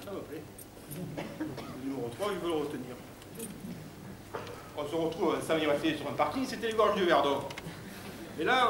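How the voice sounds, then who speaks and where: A man telling a comic story on stage, animated and addressing the audience directly. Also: a little high. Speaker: comedian. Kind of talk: stand-up storytelling. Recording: echoey room with background noise.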